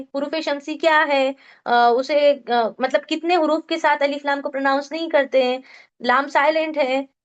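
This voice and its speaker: High-voiced woman teaching recitation rules. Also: muffled recording. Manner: patient, explains step by step with questions to students. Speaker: tajweed teacher. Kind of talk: online Quran recitation lesson.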